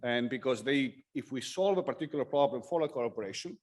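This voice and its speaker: A man giving a technical lightning talk with slides, speaking haltingly with frequent hesitations and self-corrections. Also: medium pitch, lively intonation. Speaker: conference presenter.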